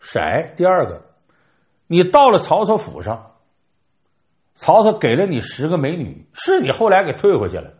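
A man's voice: high-pitched, voice pushed up. A man voicing a weary old male turtle who pleads and then needles with a sly, argumentative manner, in a told folk tale.

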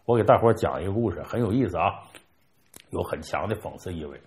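A man telling a comic folk tale in an animated, jokey way, acting out the characters' dialogue. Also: sits low, fast talker. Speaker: storyteller.

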